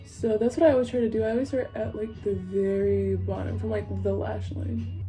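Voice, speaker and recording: A young woman vlogs to camera while getting ready, her mellow, medium-pitched voice steady and fairly quick. She talks in a laid-back, stoned, rambling style with plenty of swearing, and music can be heard behind her.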